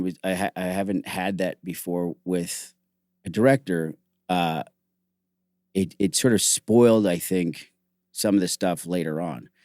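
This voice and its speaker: Man, low voice, dry close sound, middle-aged, podcast host, casual chat, animated storyteller, lots of "like". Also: no room sound. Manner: animated storytelling, acts out quotes; heavy use of "like", frequent restarts.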